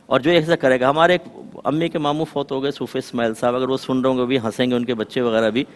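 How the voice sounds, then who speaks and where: A man speaking as a religious scholar on a TV panel, telling folksy examples in a lively way. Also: medium pitch, big-room sound. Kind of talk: televised religious talk.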